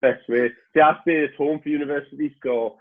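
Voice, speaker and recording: A man hosting a podcast, relaxed and laughing easily. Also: a little high, brisk. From North East England. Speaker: podcast host. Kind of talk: casual chat. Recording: tinny phone-like call line.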